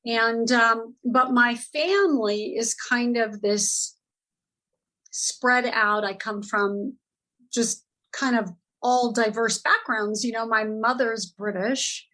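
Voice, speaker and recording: A woman from Southern California, a podcast guest telling her family story in a rambling, animated way. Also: on the high side, slow pace, rough recording. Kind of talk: podcast interview.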